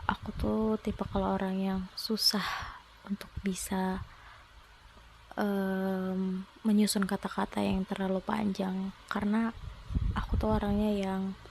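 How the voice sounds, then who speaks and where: A woman in her twenties from South Sumatra, telling a personal story in a soft, reflective and slightly hesitant way. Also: mid-range voice, background noise. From South Sumatra, Indonesia. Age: 20s. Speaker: vlogger.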